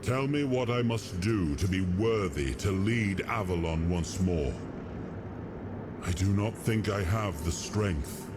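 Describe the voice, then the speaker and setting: An actor playing the weary spirit of a fallen king in a video game, noble and solemn, speaking in measured, regal phrases. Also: sits low, expressive, noisy background. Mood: humble, searching. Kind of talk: dramatic video game acting.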